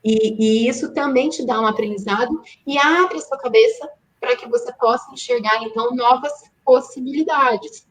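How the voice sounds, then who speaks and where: A woman's voice: on the high side, normal speed, low-quality recording. A woman, a graphic designer hosting a casual live chat, talking in an easygoing way with frequent tag questions.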